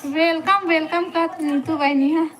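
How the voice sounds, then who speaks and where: A woman's voice: very high-pitched, steady tone, measured pace, fairly bright tone, a little hiss or hum. A woman with a Chhattisgarhi accent hosting a casual live stream, greeting viewers by name and urging them to stay and comment.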